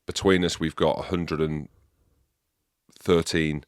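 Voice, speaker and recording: A middle-aged man with an English accent, hosting a casual podcast chat and leading the questions in an animated, chatty way. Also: very deep voice, takes it slowly, no room sound, clean studio sound. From England. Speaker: podcast host.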